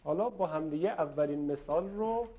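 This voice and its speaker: A man teaching a class how to pronounce Arabic letters, politely asking students questions and stretching out example words slowly. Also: on the high side, muffled recording. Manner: slow, drawn-out model pronunciations. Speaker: Quran recitation teacher. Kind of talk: classroom lesson on letter pronunciation.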